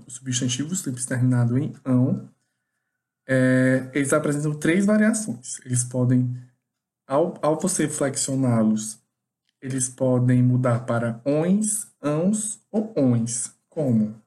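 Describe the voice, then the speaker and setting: A teacher talks through a grammar lesson at a deliberate, unhurried pace, repeating each example. The voice is mellow and dark in tone. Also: medium pitch. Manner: slow, explanatory, repeats examples.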